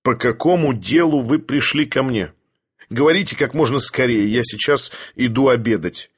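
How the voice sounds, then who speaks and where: A man voicing a haughty older professor who speaks in an imperious, lecturing, deliberate manner. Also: mid-range voice, slightly rough, natural voice. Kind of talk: audiobook character voice.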